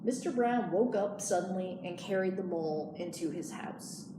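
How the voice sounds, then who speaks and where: A woman's voice: lowish voice, moderate pace. A woman reading a children's storybook aloud as a librarian storyteller. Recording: echoey room, clear background noise.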